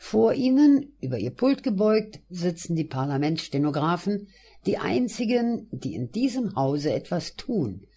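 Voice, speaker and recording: A man's voice: sits high, very animated, unhurried, mellow, husky, heavily acted. A man voicing a young man who scornfully explains things to a friend, in a sardonic tone. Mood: scornful lecturing.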